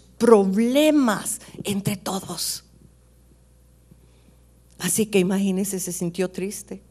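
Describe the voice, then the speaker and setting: Preaching a sermon and telling stories, this middle-aged woman alternates between soft whispers and high, loud exclamations.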